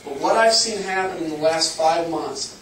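A man in his thirties from Illinois addresses a town hall crowd in an earnest, direct campaign speech. His voice sits a little high for a man. He sounds far from the microphone in a roomy, echoing space with a faint hum of ambience. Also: normal speed. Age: 30s. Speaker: congressional candidate. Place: public meeting room. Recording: echoey room, far from the mic, faint ambience.

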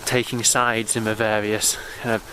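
A man in his thirties with an English accent chats casually and enthusiastically in a rambling vlog style, either outdoors on country lanes or inside a parked car, filming on a handheld camera at arm's length. His voice is on the low side, bright and forceful, with little pitch movement and a moderate pace. The low-quality recording has background noise both outdoors and in the car.

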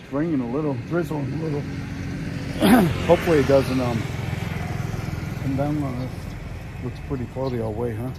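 A man's voice: medium pitch, moderate pace, pauses often. A man vlogging casually while riding outdoors, narrating what he sees and teasing his wife. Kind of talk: casual chat. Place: outdoors on a bike ride in a village. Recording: outdoor recording with noise behind.

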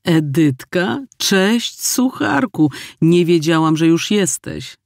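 A man reading an audiobook, voicing a brisk, no-nonsense older grandmother on the phone. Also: on the high side, big pitch swings, vocal fry, no echo, studio quality, pitched above the performer's own voice, exaggerated voice.

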